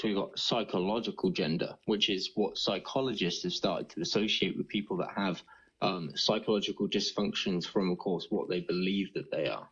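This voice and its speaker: A man's voice: low-pitched, fairly bright tone, slightly rough, lo-fi sound. A man in his twenties calling into a debate stream, lecturing and arguing his point. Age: 20s. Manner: lecturing, argumentative.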